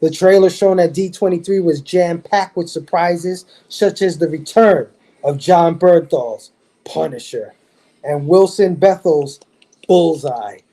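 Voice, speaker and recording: A man with a voice on the high side and a dark tone speaks at a measured pace while hosting a casual pop culture chat on a live stream. He is a podcast host who laughs often and hypes up his panel of co-hosts, heard through a video call microphone.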